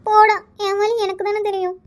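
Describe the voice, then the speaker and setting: High, tearful cartoon mother. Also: level tone. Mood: tearful worry. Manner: pleading, scolding, fast-talking. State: crying. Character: worried tearful mother of a college boy. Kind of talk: cartoon voice acting.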